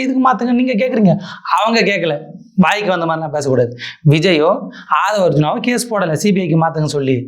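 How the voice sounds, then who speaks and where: Woman, political roast commentator, sarcastic, mocking, rhetorical questions. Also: fairly high pitch.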